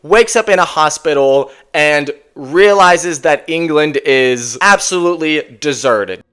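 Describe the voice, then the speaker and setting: A man's voice: on the high side, unhurried, fairly bright tone, clean tone. A man in his twenties reviewing a movie casually, enthusiastic and rambling with lots of fillers. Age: 20s.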